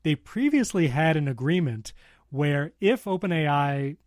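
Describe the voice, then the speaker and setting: A man with a slightly higher voice co-hosts a casual tech show. He chats loosely, laughs often and reads news items aloud. The sound is dry and close, with no room around it. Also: expressive, unhurried, dry recording. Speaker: podcast co-host.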